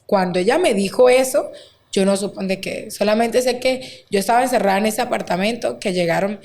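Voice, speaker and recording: A woman, a guest recounting a deeply painful personal story, acting out quoted dialogue with many fillers. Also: brisk, a little mellow. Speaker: interview guest. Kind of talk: emotional personal testimony.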